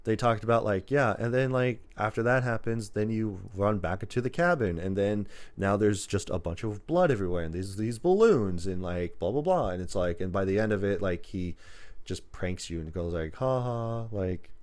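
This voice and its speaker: A low-voiced man co-hosts a podcast, chatting casually about video game movies. He rambles and leans heavily on fillers, stringing loose explanations together as he goes. His intonation is lively, his pace normal, and his tone a little mellow.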